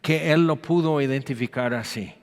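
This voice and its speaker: A man's voice: mid-range voice, moderate pace. A man, preaching a sermon in a chatty style, reading scripture and breaking into acted quotes. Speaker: pastor. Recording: long hall reverb.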